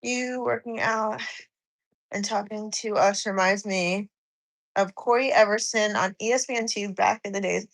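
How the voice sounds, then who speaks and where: A woman's voice: mid-range voice, fairly even intonation, moderate pace, poor audio. A woman in her forties, slightly out of breath from cardio, chatting on a live stream and reading viewers' comments aloud. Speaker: fitness streamer.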